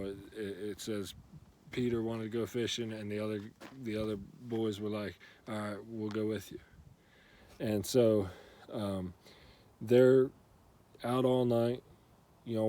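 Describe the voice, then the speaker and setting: A man giving a casual church devotional, relaxed and conversational, with lots of fillers as he retells a story in plain everyday words. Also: lowish voice.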